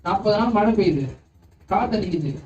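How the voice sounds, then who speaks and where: A man's voice: sits high, expressive, normal speed, a little mellow, echoey room, recorded from a distance, muffled recording, a little hiss or hum. A man preaching a sermon as pastor, often stopping to ask the congregation whether they understand.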